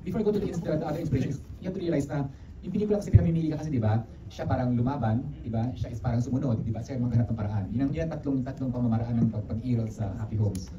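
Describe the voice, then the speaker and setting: A middle-aged man with a Filipino accent, a film director answering press questions in rapid, animated Filipino mixed with English, with many restarts. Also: medium pitch, crowd noise. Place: media conference room. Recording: dull, roomy, distant, with background noise.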